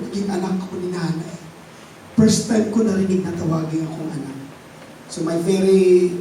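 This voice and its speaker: A Filipino man preaching in a high, mellow voice, telling a personal story with strong feeling and climbing into a pleading pitch. He is heard from a distance in a very echoey church room with faint hiss. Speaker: pastor. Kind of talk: sermon.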